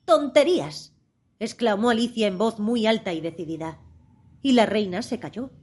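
A woman narrating an audiobook of a storybook. She reads in a measured, expressive way at a middle pitch. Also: husky.

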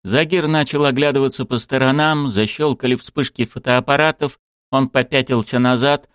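A man narrating an audiobook with dramatic, lively reading. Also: medium pitch, moderate pace, clear, resonant tone, no echo, clean studio sound. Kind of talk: scripted narration.

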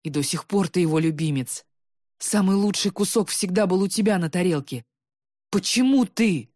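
A woman voicing a bitter, jealous young man who shouts resentfully, his voice breaking with tears. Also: lowish voice, animated, normal speed, no echo, clean studio sound, pitched above the performer's own voice. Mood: bitter, shouting.

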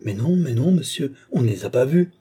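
A man's voice: mid-range voice, fairly quick, dark tone, breathy edge, voice pushed up. A man voicing a young female servant, crying out in fear. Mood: alarmed. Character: anxious old woman servant Nicole.

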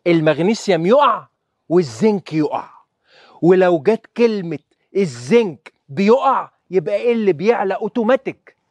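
A man with an Egyptian Arabic accent, a doctor giving a lively health lecture who keeps quizzing his listeners with rhetorical questions. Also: high-pitched, moderate pace, dry recording.

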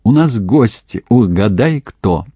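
A man's voice: fairly low pitch, lively intonation, slow, mellow, breathy edge, no echo, clean studio sound, voice pushed up, heavily acted. A man putting on a fussy elderly mother. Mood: excited. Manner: fretting, exclaiming.

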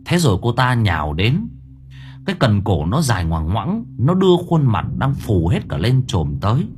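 A man narrating a horror story in a dramatic, expressive way. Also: mid-range voice, normal speed, slight background noise. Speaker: audiobook narrator.

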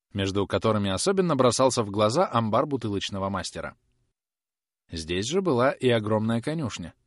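A man's voice: lowish voice, no echo, clean studio sound. A man narrating a classic novel as an audiobook, telling the story expressively.

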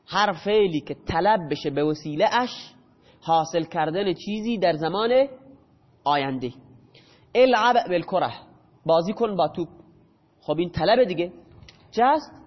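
Teaching a grammar class, a man with a high, lively voice explains every rule step by step, leaving long pauses and quizzing students along the way. His voice echoes with long hall reverb on dull, muffled audio.

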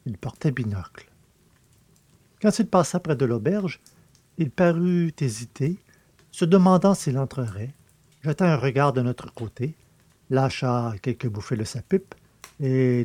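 A male narrator reads a classic novel in a measured storytelling manner. His tone is dark and mellow with a husky grain, and the recording is close and dry. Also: mid-range voice, animated, dry recording. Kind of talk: scripted audiobook narration.

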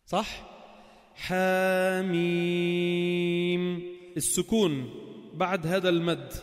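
A man's voice: a little high, a little fast. A man teaching a Quran recitation class, quizzing students and stretching out example words. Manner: questions the class, then drawls out example words. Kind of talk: classroom lesson. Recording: long hall reverb.

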